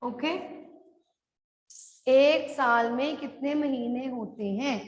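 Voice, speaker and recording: A woman teacher, giving a class lesson. She draws out each word slowly as she dictates and mixes English phrases into her speech. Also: high voice, muffled recording. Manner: slow, drawn-out dictation of words. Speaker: primary school teacher. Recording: echoey room with long reverb.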